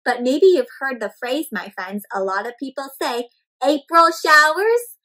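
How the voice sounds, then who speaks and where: Recorded on poor audio, this high-pitched young woman reads a picture book to young children at a measured pace. Her delivery is animated and exaggerated, with gasps, stretched words, and frequent questions to the kids she calls friends, all in an indoor space with houseplants.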